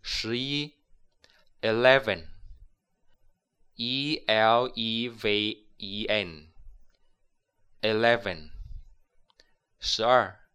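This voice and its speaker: A man's voice: fairly low pitch, bright, forceful tone, clean tone. A man giving a recorded English lesson, explaining patiently and spelling words out letter by letter. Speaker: English teacher.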